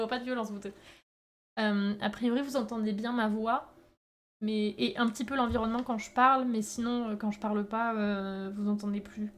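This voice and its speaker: Higher-voiced woman chatting casually on stream. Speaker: live streamer making pottery. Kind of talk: casual chat with stream viewers.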